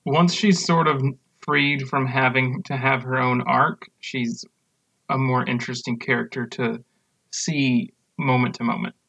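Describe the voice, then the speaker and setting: A man's voice: mid-range voice, fairly even intonation, measured pace, vocal fry, bright, forceful tone, highs cut off. A man co-hosting a casual podcast, joking dryly and chuckling often. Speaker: podcast co-host.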